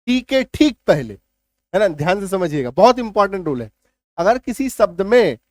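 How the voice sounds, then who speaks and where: High-pitched emphatic male teacher. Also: no room sound. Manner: emphatic, repeats rules and asks "clear?". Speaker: English teacher. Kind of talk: classroom-style spelling lesson.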